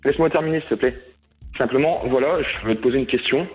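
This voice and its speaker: A man's voice: medium pitch, fast talker, soft background music. Pleading man on a dull phone line. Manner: pleading, repetitive, insistent. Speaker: caller. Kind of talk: call-in radio.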